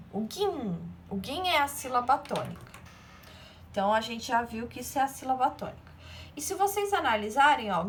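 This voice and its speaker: Woman teacher doing a recorded lesson, kinda high voice, slight hiss behind. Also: a bit bright. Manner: explains step by step, asking pupils short checks like "né?" and "beleza?". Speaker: English teacher.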